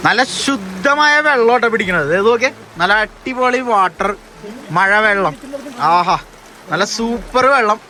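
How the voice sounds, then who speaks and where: A man's voice: high voice, lively intonation, a little slow, bright, forceful tone. A Malayali man casually narrating an outdoor vlog in a Malayalam and English mix, exclamatory and repeating phrases for emphasis. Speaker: vlog host. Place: outdoors at a rainy lakeside camping spot.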